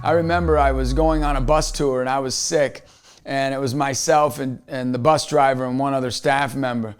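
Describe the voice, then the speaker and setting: A man's voice: mid-range voice, steady tone, normal speed, smooth, faint music behind. A man, a motivational speaker, telling a personal story in an earnest way, often repeating words as he restarts a thought.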